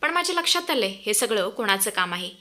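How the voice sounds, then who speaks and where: A woman's voice: medium pitch, big pitch swings, quick pace, pushed and bright. A woman voicing a determined young wife who speaks firmly and cuttingly.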